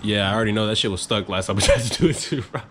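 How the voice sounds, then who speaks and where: Fast, low-voiced guy teasing over loud noise. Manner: slangy, teasing. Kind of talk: casual banter. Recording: loud background noise and clatter.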